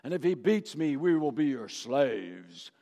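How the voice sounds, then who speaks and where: A man voicing a boastful giant warrior who taunts an army in slow, drawn-out words, in a church hall with a long reverb. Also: on the high side, big pitch swings, gravelly, warm tone, pitched below the performer's own voice, heavily acted. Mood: taunting.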